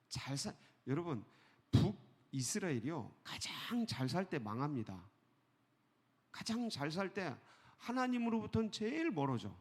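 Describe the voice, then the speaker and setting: Gravelly-voiced male pastor preaching in a hall. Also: fairly high pitch. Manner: conversational preaching with rhetorical questions and chuckles. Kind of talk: early-morning sermon. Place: church sanctuary. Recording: long hall reverb.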